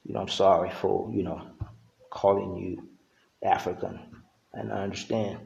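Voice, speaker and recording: Middle-aged man, unhurried vlog monologue with a dark, mellow tone, recorded in an echoey room. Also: sits low, little pitch movement, gravelly, highs cut off. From Uganda. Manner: laid-back, conversational, with frequent "you know what I'm saying". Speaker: vlogger. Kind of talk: casual monologue to camera.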